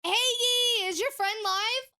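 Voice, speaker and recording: A woman's voice: very high voice, slow pace, pushed and bright. A young woman streaming games who chats casually, rambles and swears, with the hiccups. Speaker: gaming streamer. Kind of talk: casual livestream chat.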